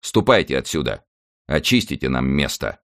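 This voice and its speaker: A haughty nobleman used to giving orders, proud and commanding, as a man voices him in a storybook reading. The voice rides above the reader's own low register with lively pitch, close and dry. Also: normal speed, vocal fry, dry recording, heavily acted. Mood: dismissive.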